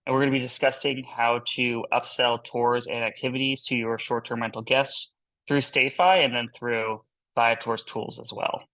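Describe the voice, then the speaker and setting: A man, a company founder, hosting and presenting a business webinar in an upbeat, pitch-style delivery. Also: little pitch movement, moderate pace, sharp tone, poor audio.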